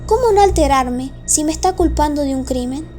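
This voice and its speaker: Woman as proud male Italian suspect, radio play, high voice, dark tone, formal, defensive, faint music behind. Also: lively intonation, fairly quick. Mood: agitated, defensive. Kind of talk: amateur radio play acting.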